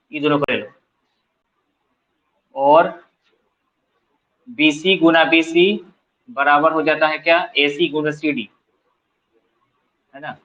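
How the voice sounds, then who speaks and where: Tutor with a Bihari lilt, higher voice. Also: male voice, a bit bright, highs cut off. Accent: Bihari Hindi. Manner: asks students questions and answers them himself; colloquial, mixes English math terms into Hindi. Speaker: math tutor. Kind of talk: classroom math lesson, working through steps aloud. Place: coaching centre classroom.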